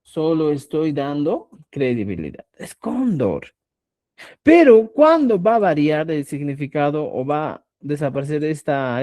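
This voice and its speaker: A man gives an online lesson, speaking slowly with a mellow, warm tone. His pitch sits a little high and swings widely as he stresses words. He keeps pausing to check that his students have understood. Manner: explains slowly, checks in with "¿ya?" after nearly every phrase; addresses students as "estimados amigos". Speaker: Quechua writing teacher.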